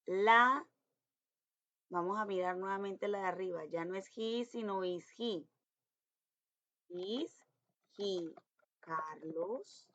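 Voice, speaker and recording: A woman who teaches English to schoolchildren, explaining grammar step by step and slowly repeating example sentences. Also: medium pitch, a bit bright. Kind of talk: explaining grammar in an online lesson. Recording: dull lo-fi recording.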